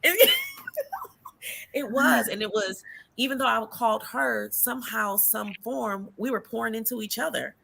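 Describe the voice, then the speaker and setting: Bright, animated woman moderating a panel. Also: on the high side, a little slow, creaky, slightly rough. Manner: lively and chatty, laughs easily. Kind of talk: casual panel discussion.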